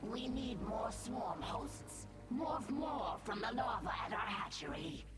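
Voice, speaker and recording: A woman voicing a dutiful female alien adviser in a video game, formal and measured as she gives alerts. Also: on the high side, animated, over music. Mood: warning.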